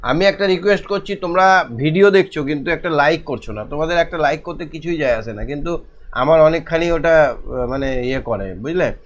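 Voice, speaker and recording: A male teacher, giving an online lesson to young children, talking slowly and repeating each question. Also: on the high side. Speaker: primary school teacher, channel host.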